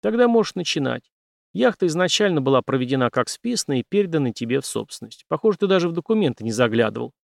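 A weary, gruff general grumbles through the scene, voiced by a male audiobook reader. His tone is measured and steady, recorded dry and close with a fairly high pitch. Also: no room sound.

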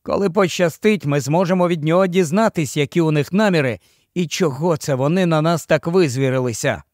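A man voicing a noble young prince in an audiobook, giving firm, measured commands. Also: a little high, darkish tone, no room sound, clean studio sound, natural voice. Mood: commanding.

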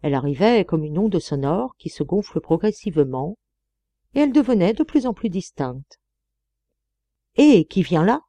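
Expressive woman reading a novel aloud. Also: lowish voice, moderate pace, no room sound. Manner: expressive, dramatic storytelling. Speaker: audiobook reader. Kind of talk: narration of a classic novel.

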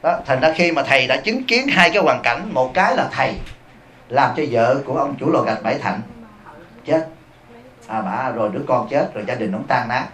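A man, a Buddhist abbot giving a lively, humorous sermon that teases and questions the audience. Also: medium pitch, normal speed, slight background noise. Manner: humorous, teasing, addresses the audience. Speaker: Buddhist monk and abbot giving a dharma talk. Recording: echoey hall.

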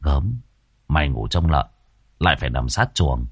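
A man's voice: a bass voice, lively intonation, a little slow, no echo, clean studio sound, voice pushed down, heavily acted. A man voicing a timid young male servant who stammers and talks deferentially. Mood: grumbling.

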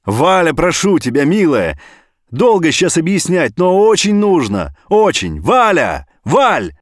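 A man's voice: fairly high pitch, very animated, unhurried, no room sound, studio quality, voice pushed up. A man doing a frantic pleading father. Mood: pleading loudly. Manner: pleading, shouting down a phone line. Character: anxious desperate middle-aged father.

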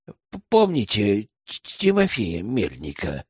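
Man reading a spiteful village schemer, sulky and self-pitying, lively pitch, dry booth. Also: slow, breathy edge, no room sound, exaggerated voice. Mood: sly. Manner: sullen, bitter, self-pitying. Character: resentful scheming male village outsider. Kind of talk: audiobook character reading.

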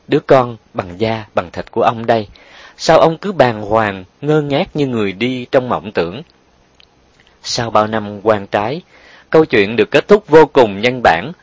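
A man narrating an audiobook in an even, sentimental storytelling way. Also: on the low side, no room sound.

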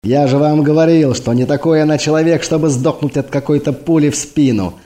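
A man's voice: a little high, fairly quick, mellow, pitched above the performer's own voice, close to an everyday voice. A man reading an audiobook, voicing a tactless, chatty army major who rambles in cheeky banter. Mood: excited banter.

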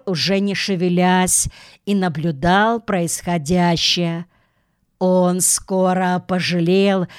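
Slow, smooth-voiced woman reading a children's book. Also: lowish voice, dry recording, clean studio sound. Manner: measured, gentle storytelling. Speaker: audiobook reader. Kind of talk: children's audiobook narration.

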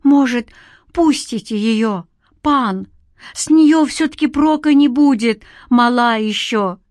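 Woman doing a high wailing old granny. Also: slow pace, no echo, studio quality. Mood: pleading. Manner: pleading and wailing, then yelling orders. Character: frightened old village grandmother, sharp-tongued.

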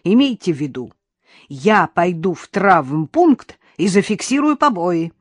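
A woman's voice: on the low side, very animated, a little slow, no echo, clean studio sound. A woman voicing an angry young wife who speaks in a bitter, hissing way, in an audiobook. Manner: hissing, resentful.

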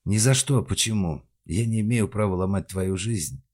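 A man voicing a calm, gentle middle-aged man who speaks softly. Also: on the low side, normal speed, lightly acted. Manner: calm, soft-spoken.

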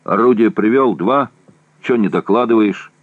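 A man voicing an angry battalion staff officer in pain from a toothache, shouting and cursing. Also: lowish voice, unhurried, dry recording, narrow, tinny audio, pitched above the performer's own voice, lightly acted. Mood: furious groaning.

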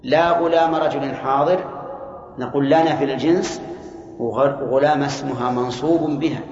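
An older man gives a classroom grammar lesson at a measured pace, regularly stopping to check his students with short prompts. His voice sits at an ordinary pitch for a man. The recording is dull and lo-fi, with a roomy, long-ringing echo from a lecture hall. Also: steady tone, a little mellow, slight background noise. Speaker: teacher of Arabic grammar.

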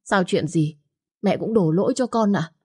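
A woman's voice: medium pitch, normal speed, a little mellow, breathy edge. A woman voicing a hurt young wife who answers her mother-in-law in a pained, pleading way. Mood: hurt, defiant. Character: hurt young wife, tearful but defiant.

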